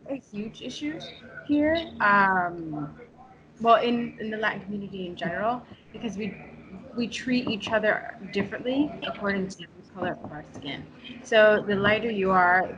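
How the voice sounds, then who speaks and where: On a rough recording, a woman from New York, United States, with a medium-pitched voice speaks as an interview guest in casual conversation, frank and chatty, with many fillers and restarts.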